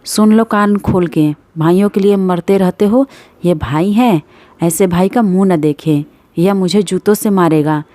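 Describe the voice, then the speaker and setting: A woman's voice: fairly low pitch, unhurried, dark tone, no echo, lightly acted. A woman voicing a fierce, defiant peasant wife who scolds with cutting retorts. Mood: angry defiant.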